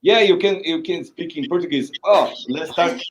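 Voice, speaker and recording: A man hosting a live stream interview, speaking haltingly with many uhs and restarts. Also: a little high, a little hiss or hum, poor audio. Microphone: video call.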